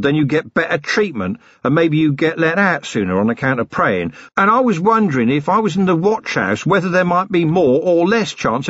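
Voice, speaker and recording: A man's voice: fairly high pitch, a bit bright, husky, no echo, muffled recording, voice pushed up, full character voice. A man voicing a dim, deferential prisoner. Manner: eager, rambling, repeatedly says sir. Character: dim, deferential working-class male prisoner.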